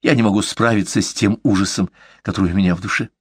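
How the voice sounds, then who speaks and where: A man's voice: on the low side, fairly even intonation, quick pace, husky, no echo, clean studio sound. Man reading a cold, tormented young woman. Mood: weary. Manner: curt, cold.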